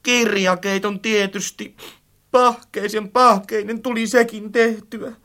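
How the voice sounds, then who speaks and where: A performer voicing an eager, clumsy, easily frightened companion in an audiobook story, with lively, expressive delivery. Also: medium pitch, close to an everyday voice. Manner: lively, expressive, calls out loudly. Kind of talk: audiobook character acting.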